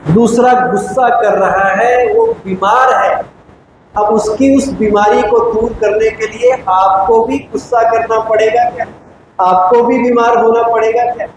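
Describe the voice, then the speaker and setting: A man's voice: very high voice, steady tone, measured pace. A man giving a spiritual discourse to a live audience as a teacher, asking emphatic rhetorical questions and explaining patiently. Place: large meditation hall. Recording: very echoey hall with clear background noise.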